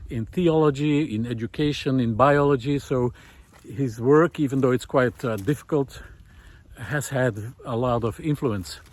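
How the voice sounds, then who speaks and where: The host of a walking talk series muses philosophically and without a script while strolling a country road outdoors. He has a mid-range, darkish voice and pauses often as he works through ideas, and background noise is clearly audible in the recording.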